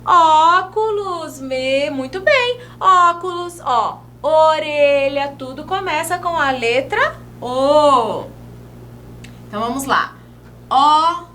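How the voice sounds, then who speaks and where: A woman from Brazil gives a video lesson to young children. Her high, lively voice swings widely in pitch, and she talks slowly, drawing out each word. A faint hum sits under the recording. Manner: slow, sing-song teacher talk, stretching words as she writes. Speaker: teacher.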